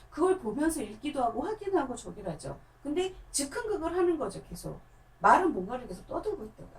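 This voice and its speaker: A woman's voice: sits high, vocal fry, recorded from a distance, rough recording. A woman who performs in a hand-puppet theatre, chattily explaining and demonstrating puppet technique. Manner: chatty, lively, lots of demonstrative words.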